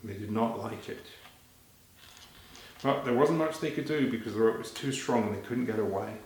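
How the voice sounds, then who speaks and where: A man performing a story live for children, animated and talking to them directly, halting and repeating phrases as he goes. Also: on the low side, a little hiss or hum. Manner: animated, addressing children with questions. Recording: very echoey, reverberant room.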